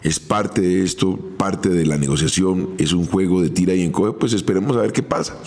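A middle-aged man with a Colombian accent, a former footballer telling his own career story in a measured, step-by-step podcast monologue. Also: deep voice, a little mellow. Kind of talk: first-person podcast storytelling.

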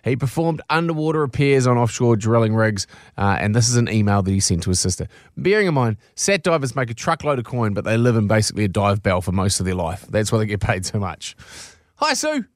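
A man's voice: on the low side, very animated, a little fast, no echo. A man co-hosting a radio show in a casual, blokey, slangy way, chatting and telling stories in a studio. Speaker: radio co-host. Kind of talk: casual radio chat and animated reading aloud of a comic anecdote.

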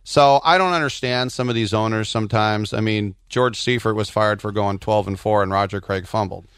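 Smooth-voiced man chatting casually about sports. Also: on the low side, normal speed, a bit bright, dry recording, clean studio sound. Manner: digressive, anecdotal. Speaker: soccer commentator and co-host.

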